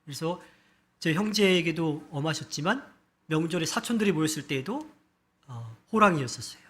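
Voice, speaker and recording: Man, pastor, Sunday sermon, church hall, slightly high voice, bright tone, storytelling with shifting loudness and pace. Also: expressive, normal speed.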